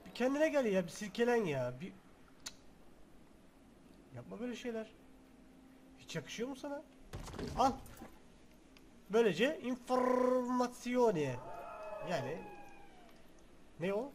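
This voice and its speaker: A young man giving casual let's-play commentary, excitable and chatty, talking to the game's objects with mock threats and sudden shouts. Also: high voice, moderate pace, pauses often, background noise. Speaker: gaming video host.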